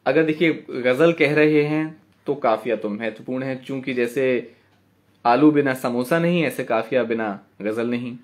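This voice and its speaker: A man teaching a poetry writing class, patiently repeating words slowly to count their syllables and checking in with his students. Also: mid-range voice. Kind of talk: online class lecture.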